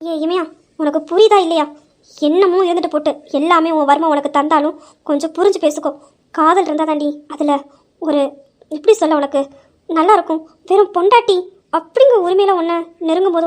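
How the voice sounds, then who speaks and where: Fast, high-voiced insistent young woman. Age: young adult. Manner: insistent, persuasive. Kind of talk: dramatized story dialogue.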